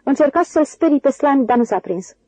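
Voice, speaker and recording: Woman reader doing a coarse scornful ranch hand, mellow raised voice. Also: high-pitched, expressive, no room sound, voice pushed up, low-quality recording. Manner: scornful, jeering.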